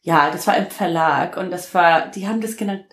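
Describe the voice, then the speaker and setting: A woman in her fifties from the United States with an American accent, telling her story in a relaxed interview and pausing often to search for words. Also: lowish voice, reverberant, poor audio. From United States (Detroit). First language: English. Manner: halting, many fillers, laughs often. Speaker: interview guest. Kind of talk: casual interview talk.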